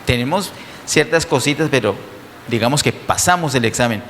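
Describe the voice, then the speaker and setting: A man's voice: medium pitch, expressive, normal speed, fairly bright tone, slight background noise. A man preaching a sermon to his congregation, emphatic and full of rhetorical questions, in a church. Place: church hall. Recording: distant sound with long hall reverb.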